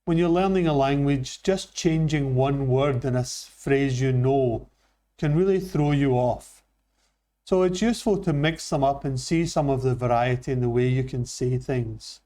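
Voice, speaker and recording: A man from Scotland with a Scottish accent, teaching an English lesson with slow, careful delivery. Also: medium pitch, warm tone. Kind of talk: classroom lesson.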